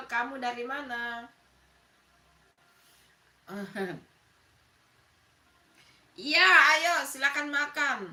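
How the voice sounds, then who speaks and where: A woman's voice: high-pitched, pushed and bright, recorded from a distance. A middle-aged woman from Makassar with a Makassar accent, hosting a casual live stream and chatting with viewers by name. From Makassar, South Sulawesi. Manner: chatty, greets viewers by name, laughs often. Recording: echoey room, voice off-mic.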